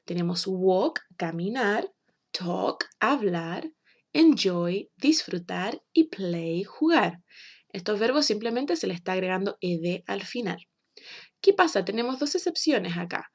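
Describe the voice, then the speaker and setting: A woman's voice: mid-range voice, expressive. Patient woman teaching English. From Chile. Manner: slow, clear, patient explaining with drawn-out example words. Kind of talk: recorded online lesson for children.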